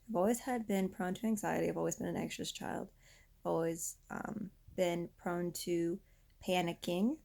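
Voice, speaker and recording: A young woman in her twenties, hoarse from losing her voice, rambling casually in a vent vlog while lying down. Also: on the low side, warm tone. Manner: lying down, rambling with many restarts. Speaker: vlogger.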